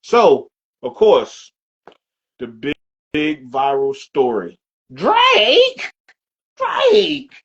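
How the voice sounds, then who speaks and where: A man co-hosting a casual sports podcast, animated and repeating phrases for emphasis. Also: medium pitch, slow, long pauses, breathy edge, dull audio. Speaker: podcast co-host. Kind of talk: casual sports barbershop chat.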